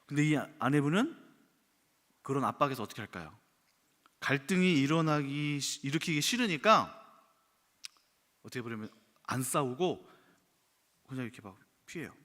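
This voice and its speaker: Pastor preaching a sermon, lively up and down voice, long church hall echo. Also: male voice, mid-range voice, moderate pace, pauses often. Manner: animated storytelling, acts out quotes. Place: church sanctuary.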